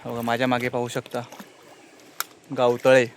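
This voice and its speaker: A man's voice: medium pitch, level tone, moderate pace, noisy background. A man giving a plain, explanatory tour of a village lake outdoors, filmed on a handheld phone. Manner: plain explanatory tour-guide talk, pointing things out. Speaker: village vlogger. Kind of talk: casual walk-and-talk vlog.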